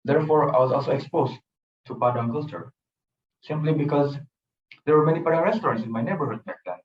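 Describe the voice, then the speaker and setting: A young Indonesian student gives an earnest personal presentation, telling his own story and often repeating phrases. His voice is a little high and quick, and the recording sounds roomy, distant and dull.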